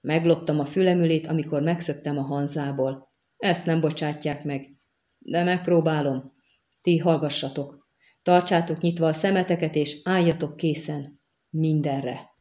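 A woman's voice: low-pitched, steady tone, darkish tone, lo-fi sound, close to an everyday voice. A woman voicing a bold, blunt young female bandit giving orders, read in a storybook. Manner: blunt, commanding.

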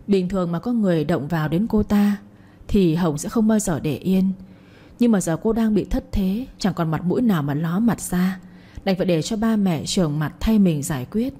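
A woman narrating a family drama in a measured voice and adding her own moral comments. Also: fairly low pitch, warm tone, slightly rough. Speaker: storyteller.

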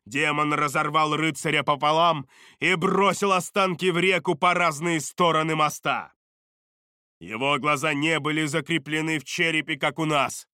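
A man narrating a dark fantasy audiobook in a measured, deliberate way on a close studio mic. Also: a little high, clean tone, no room sound.

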